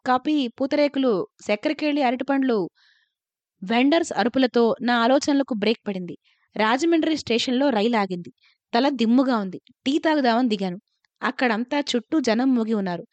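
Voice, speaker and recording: A woman reading a first-person story aloud in a calm, measured narration. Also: on the high side, dry recording.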